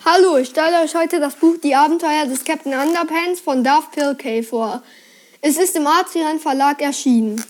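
A woman presenting and reading a children's book aloud, in a lively storybook manner. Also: high voice, normal speed.

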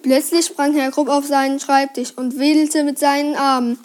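High-voiced woman reading a children's book. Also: moderate pace, a little hiss or hum. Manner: lively storybook reading with voiced characters. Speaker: reader presenting a children's book.

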